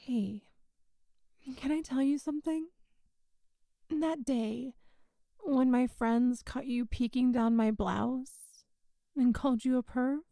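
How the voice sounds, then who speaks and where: A woman murmurs close to the mic in a soft, coaxing hush, her high voice lingering over every word at a very slow pace. A gentle vocal fry runs through her warm, mellow tone, and the recording is dry, with no room sound. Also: no room sound. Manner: soft, hushed and coaxing, partly whispered. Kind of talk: intimate audio roleplay.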